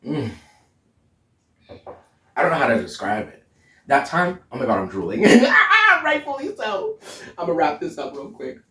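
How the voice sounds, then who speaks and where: He pitches his voice on the high side with huge swings, taking his time and pausing often, the tone pushed and bright. A giggly young man in drag, he chats casually through his home cooking vlog, swearing as he tastes and faking an Irish lilt. The camera mic is distant, a few feet across the indoor kitchen, so the sound is roomy and off-mic.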